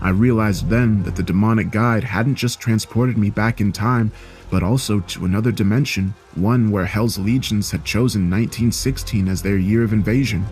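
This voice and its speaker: Man, horror story narration, lowish voice, steady, grave delivery. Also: moderate pace, faint music behind.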